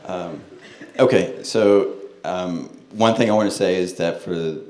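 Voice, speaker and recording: A man with a General American accent addressing a church congregation, pausing for an interpreter. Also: sits low, a little mellow. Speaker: guest speaker at a church. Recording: echoey room with faint noise.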